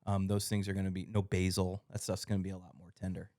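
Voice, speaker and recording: A man's voice: deep voice, level tone, quick pace, darkish tone, dry recording, studio quality. A man co-hosting a casual gardening chat, explaining things plainly, his audio glitching and cutting out over a remote mic. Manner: explains step by step, plain-spoken. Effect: glitching audio that cuts out and drops in level. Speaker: podcast co-host.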